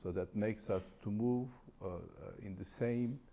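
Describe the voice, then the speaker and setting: A man answering as an interview guest, speaking haltingly with many hesitant pauses. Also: fairly low pitch, vocal fry, mellow.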